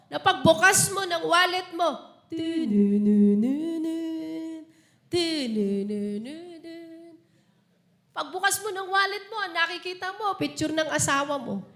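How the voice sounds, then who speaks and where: A woman with a high, bright-pitched voice preaches a sermon, moving between earnest teaching and laughing over personal stories. Her voice rings out in an echoey church hall.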